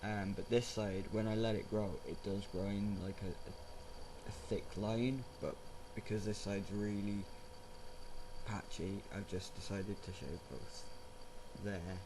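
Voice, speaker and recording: Male vlogger, lowish voice, casual and rambling, clearly noisy recording. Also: flat delivery, unhurried. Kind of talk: casual chat, personal update vlog. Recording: clear background noise.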